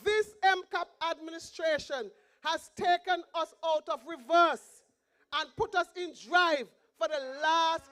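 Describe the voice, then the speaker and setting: A woman's voice: very high voice, a little slow, fairly bright tone. A woman with a Montserrat accent giving an impassioned, pleading rally speech as a political candidate, repeating her slogans.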